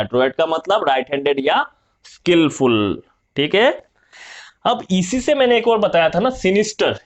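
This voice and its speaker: A man gives a vocabulary lesson, repeating each word and spelling it out slowly, then asking questions and answering them himself. His voice sits a little high, and the recording sounds muffled and lo-fi. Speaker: vocabulary teacher. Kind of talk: Hindi vocabulary lesson, explaining word roots.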